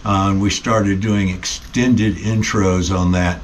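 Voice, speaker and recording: Brief: middle-aged musician, laid-back chat, lowish voice, halting with ums. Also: male voice, slight background noise. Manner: relaxed, pauses often with ums. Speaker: band member. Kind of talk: casual conversation.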